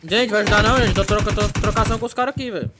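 A man's voice: sits high, fairly even intonation, rapid-fire. A Brazilian man playing a shooter with friends, frantic, swearing and begging teammates for help. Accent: Brazilian Portuguese. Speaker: streamer teammate. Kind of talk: casual gaming chat. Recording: loud music and game sounds behind the voice.

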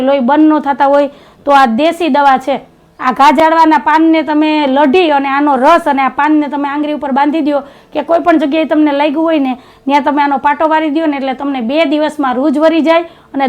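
A middle-aged woman talks casually for her home vlog. Her voice sits high, and she teases and hands out homespun advice. She rattles on in an easy, chatty way. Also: fairly even intonation, a little fast, a little mellow. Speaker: family vlogger.

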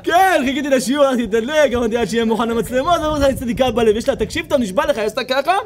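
Male rabbi, high voice, lively comic storytelling sermon, mic outdoors with faint noise. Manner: animated, acts out characters with sudden shouts. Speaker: rabbi giving a Torah lecture. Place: outdoor evening event before an audience.

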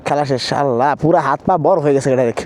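A man's voice: mid-range voice, quick pace, darkish tone. A man with an Old Dhaka accent vlogging casually at night on a motorbike, exclaiming and chatting with friends, cold and worn out. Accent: Old Dhaka Bangla. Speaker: motovlogger. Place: city road at night, on a motorbike. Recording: noisy outdoor street recording. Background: traffic and street noise.

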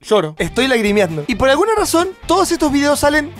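High, animated Argentine man. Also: fast talker. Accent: Argentine Spanish. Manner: energetic, theatrical, exaggerated outbursts. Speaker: YouTuber host. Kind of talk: comedic reaction commentary.

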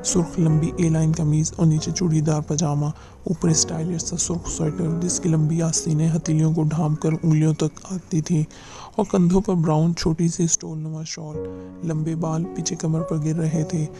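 A man reads a novel aloud in a measured, dramatic storytelling voice that slows down for the tense moments. His pitch sits a touch high for a man and stays fairly flat and even. Loud background music plays under the whole narration. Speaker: audiobook narrator.

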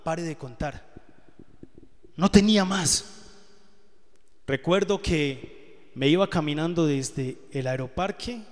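A man with a high voice preaches live in a church hall, his words trailing off in long reverb. He talks earnestly, giving testimony that builds to emotional peaks. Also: fairly bright tone. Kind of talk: sermon.

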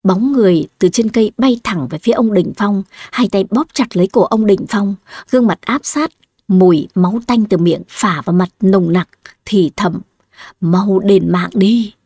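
Audiobook narrator, woman, breathy husky tone, very dry close sound, steady delivery. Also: medium pitch, no room sound. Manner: steady, measured storytelling. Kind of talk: scripted story narration.

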